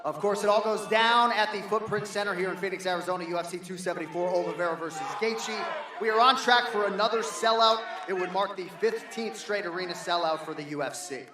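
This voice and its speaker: A man's voice: high voice, a little fast. A man hosting a live press conference with a projected, polished delivery. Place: large press conference venue. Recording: echoey hall, distant, crowd noise.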